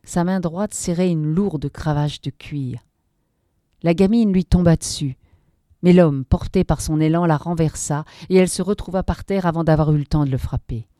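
A woman narrating a dark story in a measured, dramatic reading. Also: sits low, no room sound, clean studio sound.

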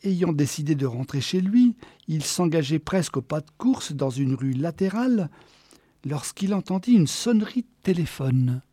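Guy reading a story aloud, kinda high voice, dry close sound, expressive. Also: no echo. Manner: expressive, slowing for quiet moments. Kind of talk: audiobook narration of a short story.

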